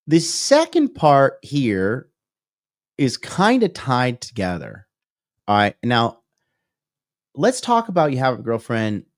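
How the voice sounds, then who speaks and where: In a studio-quality recording with no echo, a medium-pitched man in his thirties coaches on dating during a livestream whiteboard lecture. He keeps asking "okay?" and "right?" and reads out viewer comments to answer them.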